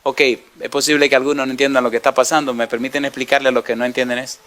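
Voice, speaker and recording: A man's voice: medium pitch, racing. A middle-aged man preaching a sermon as pastor, telling anecdotes, acting out dialogue and firing rhetorical questions at the congregation. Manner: animated storyteller, acts out dialogue, asks rhetorical questions.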